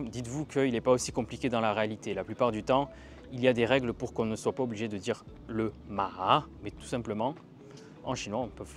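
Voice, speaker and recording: A man giving a casual language lesson while walking outdoors, lively and stressing words to demonstrate tones. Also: medium pitch. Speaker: language teacher.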